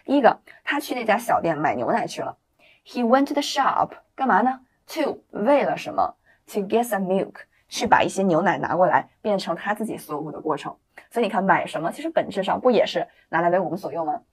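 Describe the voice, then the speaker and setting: A woman with a slightly low voice leads an English video lesson, encouraging her learners as she goes. She reads each example sentence slowly and clearly so they can repeat after her. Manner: explains in lively, encouraging classroom talk. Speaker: English teacher.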